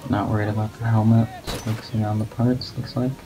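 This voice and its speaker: Low-voiced man, flat and low-key, calling a game match play by play; clear hiss of noise behind him. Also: a little fast. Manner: monotone, low-key delivery; not much of a talker. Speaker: guest commentator. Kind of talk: esports play-by-play commentary. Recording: steady background noise.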